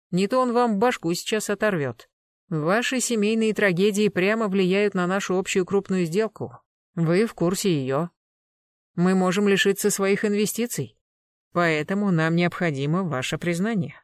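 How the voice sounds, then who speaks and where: A reader voicing a calm, polite male businessman who speaks firmly and persuasively. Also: high voice, normal speed, no echo, studio quality, close to an everyday voice.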